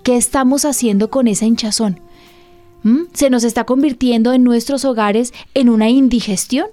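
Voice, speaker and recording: A woman with a fairly high voice gives an earnest church teaching talk as host of the program. She often turns to her listeners with direct questions. Soft music plays faintly behind her.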